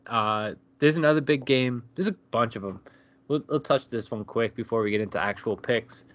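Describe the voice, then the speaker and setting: A man's voice: mid-range voice, moderate pace, dull audio. A man co-hosting a casual sports betting podcast, laid-back and drawing out his fillers. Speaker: podcast co-host.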